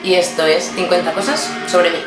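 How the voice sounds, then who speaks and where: A thirty-year-old woman from Barcelona with a Spain Spanish accent, talking through a casual personal Q&A in a chatty, playful way. She laughs often and fills pauses with hesitations. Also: lowish voice, fairly even intonation, reverberant, music in the background, poor audio. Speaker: guest answering personal questions.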